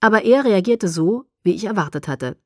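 A woman's voice: medium pitch, animated, fairly quick, a little mellow, dry recording, studio quality. A woman narrating a romance novel in the first person, reading expressively and acting out the dialogue. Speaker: audiobook narrator.

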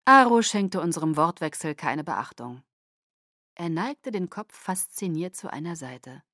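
A woman narrating a novel in the first person with calm, measured storytelling. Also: lowish voice, no echo, studio quality. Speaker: audiobook narrator.

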